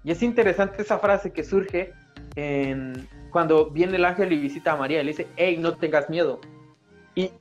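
A man's voice: a little high, moderate pace, muffled recording, soft background music. A young man with a Central American Spanish accent, co-hosting a casual podcast chat, joking and slangy, laughing often. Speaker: podcast co-host.

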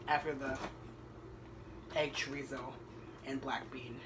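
A young man talking casually in a home kitchen vlog, rambling with many pauses and ums. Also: mid-range voice, level tone, very noisy. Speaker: vlogger. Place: home kitchen at night, indoors. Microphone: camera on the counter.

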